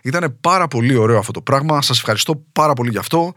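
A man's voice: mid-range voice, lively intonation, fairly bright tone, no echo, studio quality. A man from Trikala, Greece, a stand-up comedian talking casually and at length to his podcast listeners, rambling and chatty.

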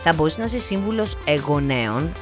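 A man's voice: fairly high pitch, expressive, over music. A man hosting a radio show, teasing his co-host in casual chat and reading out news items with a wry edge.

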